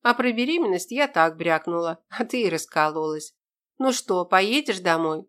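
A woman's voice: lowish voice, expressive, normal speed, fairly bright tone. A woman reading an audiobook, voicing a blunt, bossy woman soldier who scolds coarsely. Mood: rough cheer.

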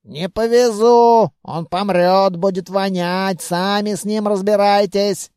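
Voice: medium pitch, expressive, a little slow, no echo, studio quality, close to an everyday voice. A reader doing a crafty, grumbling trickster. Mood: quarrelsome. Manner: loud haggling, grumbling and scheming. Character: crafty stubborn plump male trickster. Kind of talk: audiobook reading.

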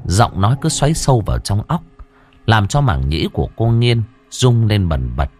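A man narrating a ghost story in an expressive way, shifting from hushed to lively. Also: lowish voice, moderate pace, faint music behind.

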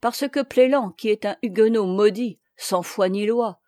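A woman's voice: medium pitch, measured pace, mellow, lightly acted. A woman reading aloud, voicing an eager, clever young male boatman in an earnest, pleading way.

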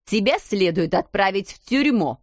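A woman voicing an angry, harsh headmistress who scolds and shouts, in a muffled, dull recording. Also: mid-range voice, animated, moderate pace, no echo, lightly acted. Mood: furious.

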